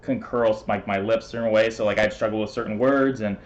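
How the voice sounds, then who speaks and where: Male guest, lowish voice, talks fast with fillers and laughs, muffled lo-fi stream sound. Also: fairly even intonation. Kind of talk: casual interview.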